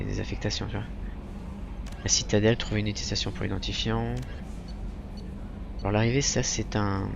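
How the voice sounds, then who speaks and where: A man's voice: fairly low pitch, gravelly, highs cut off, noisy background. A man hosting a let's play, commenting casually and thinking aloud in a hesitant, improvised way. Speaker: gaming video host.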